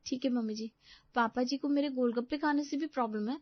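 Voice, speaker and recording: A woman's voice: high voice, brisk, no room sound, pitched above the performer's own voice. A woman playing a grumbling young daughter-in-law. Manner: grumbling, exasperated. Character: young daughter-in-law, put-upon and complaining. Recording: slightly dull, dry close recording.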